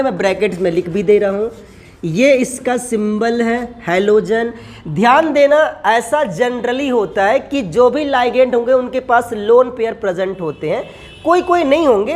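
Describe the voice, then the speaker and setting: In a very high-pitched voice, a male chemistry teacher lectures as he writes on the board. He constantly poses questions to the class only to answer them himself, and talks to his students casually, calling them son and brother.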